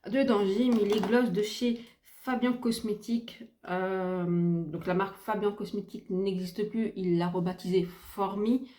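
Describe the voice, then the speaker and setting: A middle-aged woman chats about her makeup at home, gushing and looping back on her words, with plenty of fillers. Her voice is mellow and relaxed, never sharp. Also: medium pitch, measured pace, reverberant. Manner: chatty, gushing, many fillers and repetitions. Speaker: beauty vlogger. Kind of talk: casual makeup review chat. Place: home room by a window, ring light. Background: faint sounds of kids gaming and neighbour's renovation.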